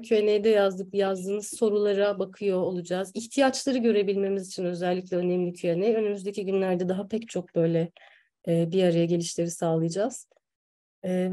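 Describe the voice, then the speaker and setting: Woman opening a zoom workshop, soft mellow voice, earnest, lots of pauses. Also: fairly low pitch. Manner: earnest, halting speech with many pauses and fillers. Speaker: host of online psychology session. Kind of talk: opening remarks at an online workshop.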